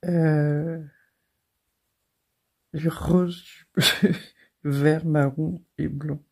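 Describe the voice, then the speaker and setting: Slow, very husky woman, gravelly. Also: sits low, steady tone, a little mellow. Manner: chatty and halting, with many fillers; giggly, self-mocking. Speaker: crafting channel host. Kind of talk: casual show-and-tell of craft supplies.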